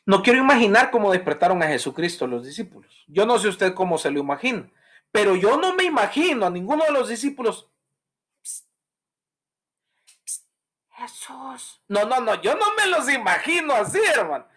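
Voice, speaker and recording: A man preaches a Bible study as pastor. His pitch swings widely and animatedly as he tells stories, and he acts out other people's voices. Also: very animated, a little fast, fairly bright tone.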